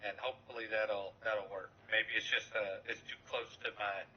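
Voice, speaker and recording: Low-voiced man on a cutting-out headset mic. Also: fairly even intonation, moderate pace, breathy edge. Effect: faulty headset mic over voice chat, fading in and out. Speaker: gamer. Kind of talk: casual chat while playing online. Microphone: headset on a flex boom. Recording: dull lo-fi voice chat with faint hiss.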